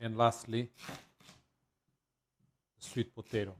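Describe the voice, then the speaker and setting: Man, mid-pitched, casual home-cook demo, halting with fillers. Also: background noise. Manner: relaxed, halting, with many fillers. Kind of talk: casual cooking demonstration.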